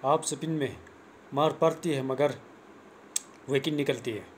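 A young male cricket coach vlogger delivers a plain, repetitive, earnest bowling tutorial in casual speech, his medium-pitched voice going a little slow. He's in a small room with a clip-on lapel mic and the phone camera close, and a little hiss or hum can be heard.

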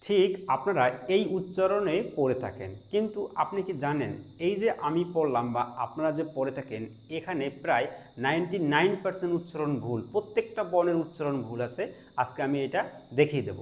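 A man's voice: fairly high pitch, lively intonation. A male teacher leads a pronunciation lesson in a slightly raised voice. He takes his time, repeats each sound twice, and keeps checking that his listeners follow. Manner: explains slowly, repeating each sound carefully; asks "ঠিক আছে?" to check listeners.

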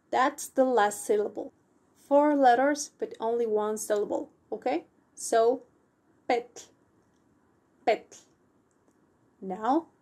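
Slow, patient woman teaching. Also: medium pitch, darkish tone. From Mexico. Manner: slow, patient, asks the viewer questions. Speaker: language teacher. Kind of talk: pronunciation lesson to camera.

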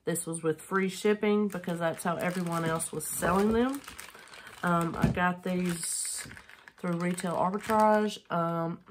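A middle-aged woman chatting casually at home on a camera mic, rambling with lots of filler ums as she shows items she has sold. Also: lowish voice. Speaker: online reseller vlogger.

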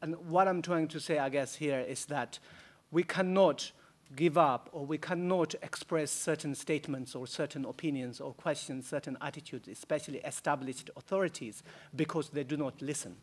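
Man, middle-aged, from Tibet, earnest, halting with fillers, seminar floor remarks, desk microphone, large conference room. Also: fairly high pitch. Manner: earnest, with frequent fillers and restarts. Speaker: audience speaker at a seminar. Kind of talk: impassioned panel remarks.

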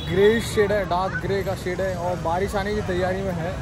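एक युवा पुरुष ट्रैवल व्लॉगर, बाहर पर्यटन पार्क में कैमरे से बोलते हुए, उत्साह से बातें करता है और हिंदी में अंग्रेज़ी शब्द मिलाता है।. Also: male voice, high voice, fairly quick, heavy background noise. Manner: chatty, excited, mixes English into Hindi. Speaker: travel vlogger. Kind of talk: casual travel vlog.

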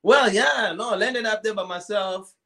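A poet from Congo in his thirties shares a personal story as a podcast guest, speaking casually by video call from a small indoor room at home with a Central African accent. His high-pitched voice is creaky and sharp in tone at a moderate pace, and he repeats phrases and acts out dialogue.

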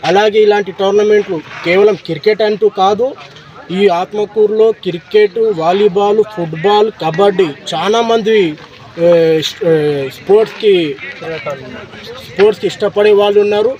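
A man giving a halting, repetitive statement to a news camera outdoors. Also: high voice, fairly even intonation, darkish tone. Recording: dull lo-fi, noisy outdoor sound.

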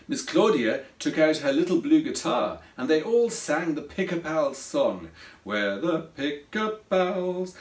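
Man slowly reading a children's story. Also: on the high side. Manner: slow, expressive read-aloud. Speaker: author reading his own story. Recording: roomy echo from a distance.

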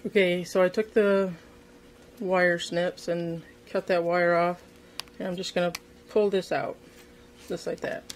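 Flat-voiced woman showing a fishing craft. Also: lowish voice, unhurried, long pauses, a little hiss or hum. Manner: relaxed, thinking aloud with frequent ums and restarts. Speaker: fishing craft video host. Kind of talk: casual how-to demonstration. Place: indoors at a wooden table.

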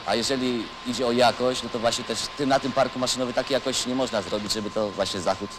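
A man employed at a factory, speaking colloquially in an interview, halting and seeking agreement. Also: mid-range voice, fairly even intonation. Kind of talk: unscripted interview. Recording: noisy location, street or machinery sounds.

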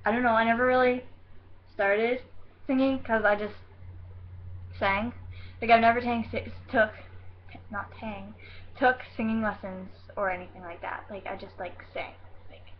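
A woman's voice: on the high side, steady tone, moderate pace, long pauses, highs cut off. A teenage girl vlogging from her bedroom into a webcam, rambling and giggly, scattered and hyper as she answers questions. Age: teens. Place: bedroom at home. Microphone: computer webcam mic.

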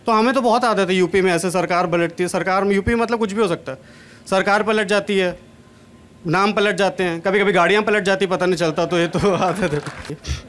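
Young man, stand-up comedian, high voice, handheld mic, live stage with some noise behind. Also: brisk, a bit bright. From Kanpur, India. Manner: chatty, self-deprecating punchlines. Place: large stage at an event, indoors.

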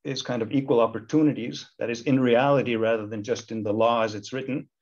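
Speaking quickly with fairly even intonation, this man has a mid-range, darkish voice. He is an Icelandic university lecturer in his thirties who chairs an equality committee, thoughtful on a video-call panel though he restarts often. The audio is slightly dull, typical of a video call.

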